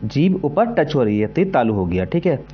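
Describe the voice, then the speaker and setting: A man teaching an exam-prep lesson, repeating himself often and slowly sounding out syllables to demonstrate them. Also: medium pitch, very animated, highs cut off, soft background music. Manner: repetitive, keeps asking "है ना" and "ठीक है".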